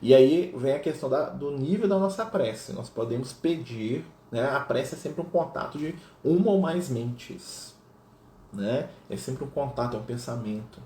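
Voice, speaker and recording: A man's voice: medium pitch, normal speed, mellow. A man leading a study group in casual teaching talk, reading passages aloud and checking in with many tag questions. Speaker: spiritist study group leader. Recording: roomy echo with faint noise.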